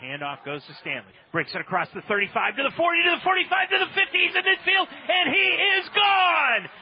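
A man calling a football touchdown as play-by-play commentator, shouting with rising excitement. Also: very high-pitched, brisk. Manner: shouting, rising excitement as the runner breaks away. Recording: dull lo-fi radio broadcast clip.

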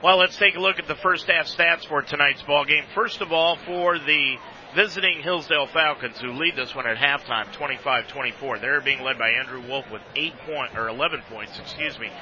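A man's voice: fairly high pitch, moderate pace, muffled recording, a crowd in the background. A man giving halftime basketball commentary as a sports broadcaster.

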